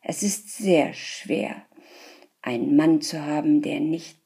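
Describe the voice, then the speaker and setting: A woman doing soft, pitying genteel gentlemen. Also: deep voice, slow pace, gravelly, breathy edge, exaggerated voice.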